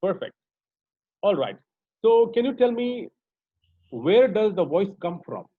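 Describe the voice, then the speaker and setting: A man's voice: high-pitched, sing-song, unhurried, no echo. A man teaching a voice training class over a video call, often asking the group questions. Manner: interactive, asks the group questions. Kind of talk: online training session. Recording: dry, slightly dull call audio.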